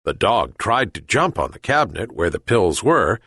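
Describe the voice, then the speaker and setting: A man's voice: husky, no echo, clean studio sound. A man reading a children's fable aloud as a narrator. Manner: slow, gentle, very lively pitch. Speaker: reader. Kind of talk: storybook narration.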